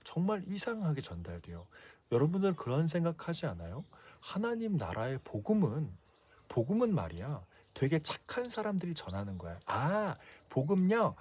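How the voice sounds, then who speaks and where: A man's voice: a little high, huge pitch swings, normal speed, darkish tone, breathy edge. A man preaching a children's sermon, asking the kids questions and having them repeat words.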